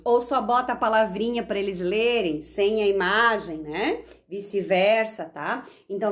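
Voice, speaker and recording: A woman teacher explains classroom literacy activities in a live online talk, checking in often with tag questions. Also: medium pitch.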